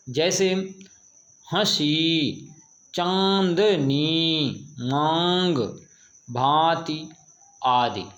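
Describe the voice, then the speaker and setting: A male teacher giving a grammar lesson to students, patiently asking questions and answering them himself. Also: a little high. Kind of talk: slow classroom grammar lesson. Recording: echoey room.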